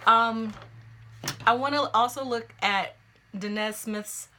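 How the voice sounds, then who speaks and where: Woman, poetry teacher, casual lecture, bright tone, animated, conversational restarts. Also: a little high, takes it slowly, a little hiss or hum.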